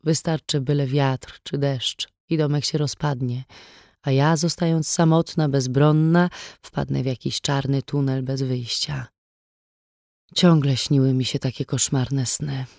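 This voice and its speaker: A woman reading a first-person audiobook in a calm, even storytelling voice, quieter in grim passages. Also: extremely low pitch, unhurried, no echo, clean studio sound. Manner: calm, even storytelling, hushed on dark moments. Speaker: audiobook narrator.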